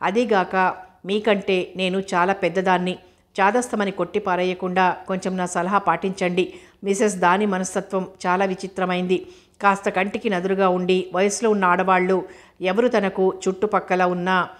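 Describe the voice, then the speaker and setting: A woman's voice: medium pitch, close to an everyday voice. Woman reading an older, advising schoolteacher. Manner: earnest, confiding advice.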